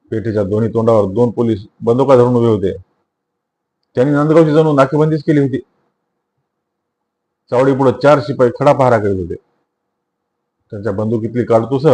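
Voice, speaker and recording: A man's voice: mid-range voice, a little mellow, poor audio. Man steadily reading a novel aloud. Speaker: narrator.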